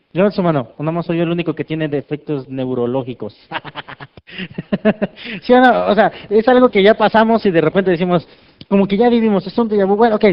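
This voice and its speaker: A man preaching as a pastor, lively and joking as he asks the congregation questions. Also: fairly high pitch. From Mexico. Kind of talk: sermon. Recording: dull lo-fi sound.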